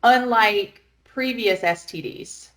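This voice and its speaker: A woman's voice: on the high side, slow, fairly bright tone. A woman in her thirties co-hosting a podcast, chatting casually, blunt and frank and swearing freely. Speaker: podcast co-host. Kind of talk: casual chat. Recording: roomy echo.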